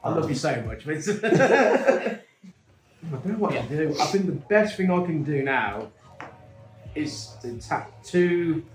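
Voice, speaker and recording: Guy joking around over cards, slightly high voice, echoey room w music. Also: animated, takes it slowly. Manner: laughing, joking banter. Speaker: card game player. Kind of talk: casual game banter.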